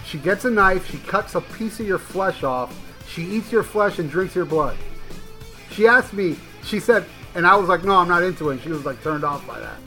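In a high, sharp voice, an American man hosts a crude, casual podcast, rambling through stories at a moderate pace with plenty of expression. He swears freely and laughs a lot. Faint music sits behind him, and he's using a headphone mic.

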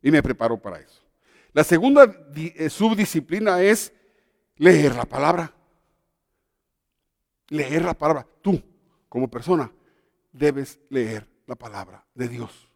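A man, a pastor giving a Bible study, speaking in an animated, emphatic way and pausing deliberately at commas. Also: on the high side, creaky, no echo, clean studio sound, long reverb tail.

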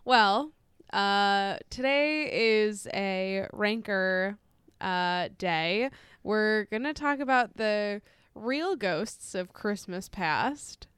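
A woman's voice: medium pitch, expressive, extremely slow, fairly bright tone, clean tone, dry recording. A woman co-hosting a casual podcast, chatty, laughing often and swearing freely. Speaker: podcast co-host.

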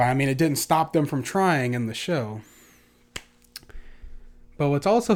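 A man co-hosting a casual podcast, his voice at an ordinary middle pitch. He talks with opinionated enthusiasm and keeps the chat loose. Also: darkish tone. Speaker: podcast host.

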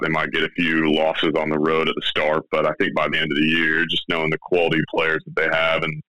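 A man's voice: extremely low pitch, bright, forceful tone, no echo, rough recording. A man giving basketball predictions as a guest, hesitant with many fillers. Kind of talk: casual sports chat.

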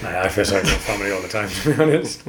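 An Australian man with a slightly low voice, co-hosting a casual podcast. He rambles and restarts words as he thinks aloud. Faint room noise sits behind him. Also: expressive, rapid-fire. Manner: rambling, chatty, repeats words while thinking. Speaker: podcast co-host. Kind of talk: casual chat.

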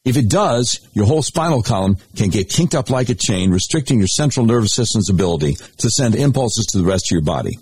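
Husky American talk radio host, very animated pitch. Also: male voice, a little fast, hardly any pauses, no echo. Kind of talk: talk radio monologue with live-read sponsor spots.

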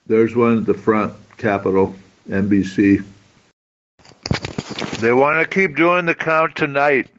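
Unhurried and leaving long pauses, a man with a medium-pitched voice and fairly even intonation rants casually about politics, blunt, profane and emphatic. He's taking part in a political radio chat channel via a push-to-talk app, and the walkie-talkie audio is muffled with background noise.

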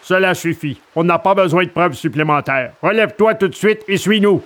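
A man's voice: high voice, a little fast, a bit bright. A stern policeman questioning a child, clipped and military in tone, as a man reading the story puts him on. His voice sits slightly raised and firm. He is all business in this storybook scene. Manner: curt, military commands. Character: stern adult male gendarme.

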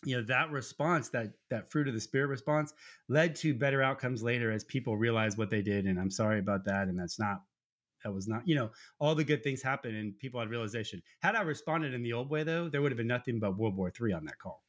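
A man's voice: fast talker, a bit bright. Man, 40s, faith podcast co-host, earnest, conversational storyteller. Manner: earnest storytelling, acts out quotes with raised pitch. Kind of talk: faith-based conversational talk.

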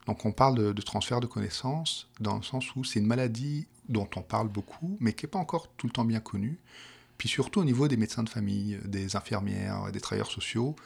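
Fairly quick and low, with vocal fry and a slightly rough texture, the voice belongs to a middle-aged man from France. He speaks with a Parisian accent, explaining in an interview his work as a provincial health plan project manager, hesitant and restarting often.

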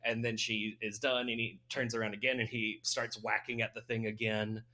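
A man's voice: lowish voice, level tone, moderate pace, bright, forceful tone. A man casually recapping a movie plot in a rambling, amused way, laughing often. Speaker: podcast co-host recapping a movie. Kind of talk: casual chat.

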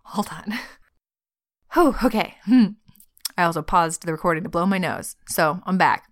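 A woman hosting a tarot podcast, talking alone in a slow, heartfelt way, her voice sick and choked up, sometimes dropping to a whisper and laughing softly. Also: fairly low pitch, animated. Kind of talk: reflective solo podcast talk.

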